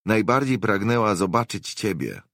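A man's voice: fairly low pitch, very animated, moderate pace, creaky, fairly bright tone, dry recording, studio quality, voice pushed up, heavily acted. A man voicing a weary, hard-drinking middle-aged brother, speaking up in a raised, earnest voice in an audiobook. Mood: reproachful.

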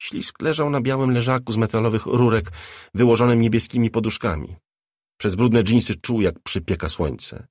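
A man narrating an audiobook in a calm, measured way. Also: medium pitch, dry recording, clean studio sound. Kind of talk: scripted narration.

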